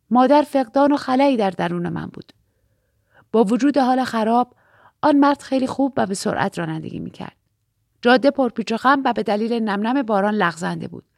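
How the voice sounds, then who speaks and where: A woman reading a first-person novel aloud in a measured, quiet storytelling way. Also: on the high side, gravelly, dry recording, clean studio sound. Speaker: audiobook narrator.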